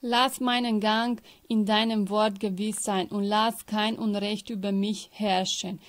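A woman reading a psalm aloud in slow, measured phrases, now and then stumbling over a word and starting it again. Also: medium pitch. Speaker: scripture reader.

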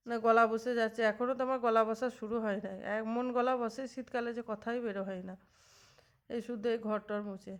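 A housewife in her thirties talks her viewers through her cooking in a casual, rambling way. Her voice sits a bit high, and she keeps up an easy, homely chatter in her own kitchen. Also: steady tone, fairly quick. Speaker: housewife vlogger. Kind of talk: casual cooking vlog narration. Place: home kitchen.

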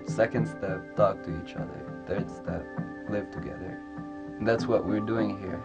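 A man student in a documentary interview, speaking slowly and deliberately, step by step. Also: lowish voice, steady tone, highs cut off, loud music behind the voice.

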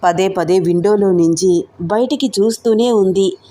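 A woman's voice: medium pitch, unhurried, dark tone, close to an everyday voice. Chatty gossiping college girl in a storybook romance, voiced by the storyteller. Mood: gossipy. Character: young woman student, gossipy friend.

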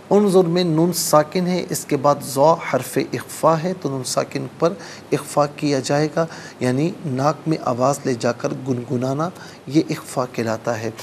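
A man teaching Quran recitation, explaining pronunciation rules and chanting the verses slowly. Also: a little high, darkish tone, slight background noise. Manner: slow melodic recitation between explanations. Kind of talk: recitation lesson.

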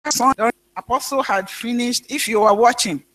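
A woman pastor preaching a sermon, telling a story in a halting way with frequent restarts. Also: a little high, fairly bright tone.

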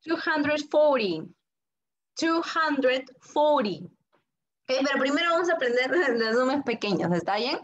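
A woman English teacher, teaching an online class to young children and drilling words slowly and patiently for them to repeat. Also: high voice, expressive. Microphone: computer mic on a video call. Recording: muffled video-call audio.

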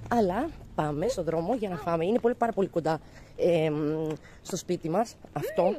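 A woman's voice: on the low side, sing-song, dark tone. A woman in her late thirties vlogs for her viewers, casual and teasing, with chatty asides to the people around her. She films herself on a phone, and faint background noise hangs under her voice. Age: late 30s. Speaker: vlogger. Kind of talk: casual family vlog. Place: home and outdoor tavern at night.

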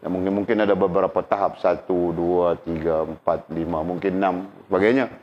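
A man's voice: low voice, fairly even intonation, a little fast, slight background noise. A man giving a casual religious lesson, talking conversationally and often checking that his listeners follow. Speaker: religious teacher. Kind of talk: casual teaching talk. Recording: dull lo-fi recording.

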